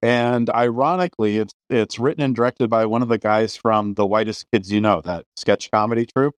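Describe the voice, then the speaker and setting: A man's voice: lowish voice, normal speed, no echo. A middle-aged man hosting a podcast, talking opinionatedly about films with many restarts. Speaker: podcast host. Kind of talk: casual film discussion.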